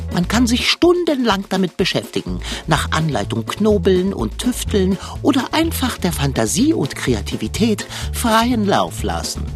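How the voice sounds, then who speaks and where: A woman voicing a plump, scheming male tomcat who talks in theatrical, old-fashioned phrases and turns wheedling and mock-innocent. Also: on the low side. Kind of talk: children's radio play acting.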